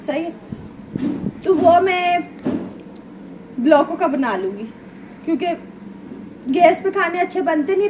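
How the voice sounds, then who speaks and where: A high-voiced woman vlogs casually from a village courtyard, talking straight to her viewers. She is chatty and animated, acting out arguments and keeps asking "right?". Faint outdoor ambience sits behind her voice. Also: a little hiss or hum. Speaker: village vlogger. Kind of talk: casual vlog chat to viewers.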